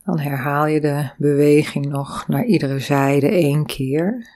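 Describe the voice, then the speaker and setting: A woman guiding a lying-down breathing and movement exercise, speaking calmly and humming drawn-out vowel sounds between instructions. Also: deep voice. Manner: calm, slow guiding with sung vowel sounds. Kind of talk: guided breathing and body exercise.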